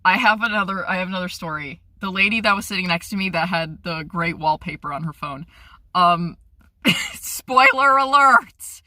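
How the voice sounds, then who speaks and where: A woman's voice: lowish voice, fairly even intonation, fairly quick, bright, forceful tone, dry recording. A young woman vlogging in a casual, rambling monologue, emotional and often breaking off mid-sentence. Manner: rambling, emotional, self-interrupting.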